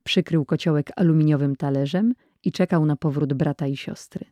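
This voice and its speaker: A narrator reading an adventure story aloud in a measured, even audiobook style. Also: medium pitch, no room sound.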